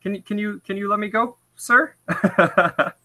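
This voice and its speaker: Male player with a high, sharp, bright voice on a choppy video call, hesitant and polite. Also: unhurried. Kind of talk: casual tabletop game play. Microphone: video call, cutting out.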